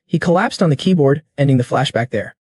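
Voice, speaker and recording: Male narrator, slightly high voice, dry close sound, steady scripted recap reading. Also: fast, dry recording.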